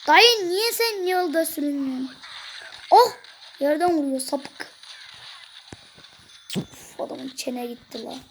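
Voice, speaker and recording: Excitable high-voiced gaming commentator. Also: vocal fry, a little hiss or hum. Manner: excitable, cursing, joking at the game characters. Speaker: gaming video creator. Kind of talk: gameplay commentary.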